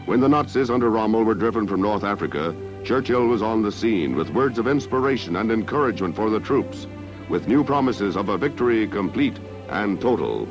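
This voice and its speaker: Over music, a fairly low-pitched, animated male voice delivers old 1960s newsreel narration a little fast, with stately, declamatory gravity. The film soundtrack sounds dull and lo-fi.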